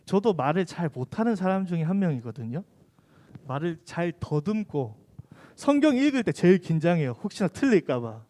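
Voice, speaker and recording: A man's voice: high-pitched, darkish tone. A man in his thirties preaching to a youth group with a Korean accent mixing Gyeongsang dialect and Seoul speech, telling funny stories and asking his teen listeners questions. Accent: mixed Gyeongsang and Seoul Korean. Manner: chatty, jokes with and questions the teen audience. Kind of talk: sermon with humorous storytelling.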